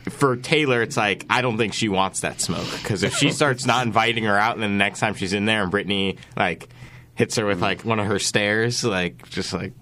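Young male co-host, low and forceful, playful slang banter. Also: normal speed. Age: young adult. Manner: playful, slangy, acts out quotes. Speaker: radio morning show co-host. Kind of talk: casual chat.

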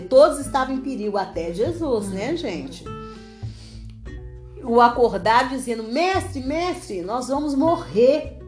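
A woman's voice: on the high side, roomy sound. A woman leading a prayer and Bible study, earnest and repeating her phrases, often checking in with her listeners.

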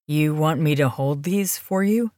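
A woman's voice: deep voice, unhurried, mellow, dry recording, clean studio sound. A woman voicing a shy, underfed young male werewolf who speaks meekly and hesitantly. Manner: meek and hesitant.

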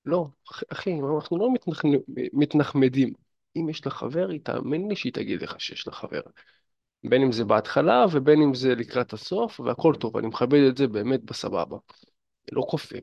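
A man's voice: medium pitch, gravelly, darkish tone, dry recording, muffled recording. A man giving casual dating and fitness advice straight to the listener, chatty and full of fillers. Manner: chatty, addresses listener directly, many fillers. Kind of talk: casual advice monologue to camera.

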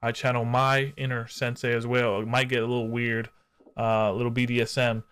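A man's voice: medium pitch, flat delivery, fairly quick, a bit bright, smooth. A man hosting a live-streamed podcast, talking in hyped, slangy banter and swearing freely. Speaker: podcast host. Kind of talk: casual live-stream chat.

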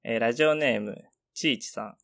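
A man's voice: mid-range voice, brisk, vocal fry, a bit bright. A young man co-hosting a podcast, chatting politely and reading out listener messages. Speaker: podcast co-host. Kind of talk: casual chat.

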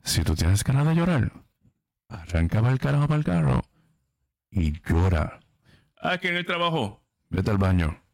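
A man's voice: fairly low pitch, very animated, unhurried, long pauses. A man in his thirties talks straight to his listeners in a casual podcast. He is blunt and emphatic and swears freely. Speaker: podcast host. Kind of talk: casual livestream chat.

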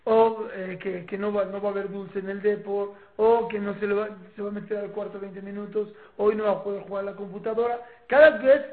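A woman with a Mexican accent and a medium-pitched voice leads a parenting class in a lively, informal style, acting out parents and children and often repeating words. It's casual class talk with her students, recorded in an echoey room with a tinny, phone-like sound.

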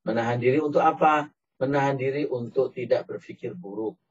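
A man giving a lively religious talk to a congregation, breaking into acted quotes and English words. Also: medium pitch, a little fast, breathy edge. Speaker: preacher. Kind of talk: Islamic sermon to a live audience. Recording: dull, distant mic.

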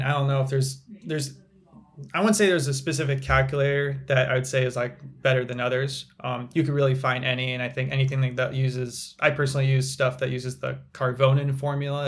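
A young adult man, a physical therapist guest on a podcast, explaining things in a relaxed way with frequent fillers. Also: mid-range voice, brisk. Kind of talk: casual podcast interview.

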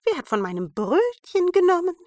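A woman voicing a chorus of little excitable male dwarfs in a storybook reading, high and rapid. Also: dry recording. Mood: indignant. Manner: high squeaky fast questioning.

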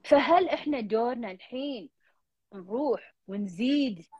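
A woman's voice: a little high, lively intonation, moderate pace, darkish tone, breathy edge, no echo. A woman host with a Gulf Arabic accent counseling a caller in earnest, repetitive talk, slipping English fillers in. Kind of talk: counseling call-in chat. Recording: dull lo-fi dry sound.

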